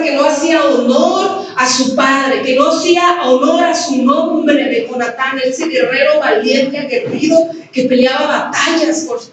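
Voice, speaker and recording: A woman pastor with a Mexican Spanish accent preaching at a women's conference, talking conversationally and asking the audience questions. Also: high-pitched. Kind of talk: sermon. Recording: very echoey hall, distant mic, faint noise.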